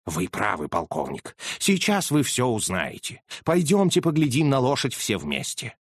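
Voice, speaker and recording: A man voicing a calm, unflappable detective who speaks in a measured, understated way. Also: medium pitch, dry recording, studio quality. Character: calm, unflappable male detective, middle-aged.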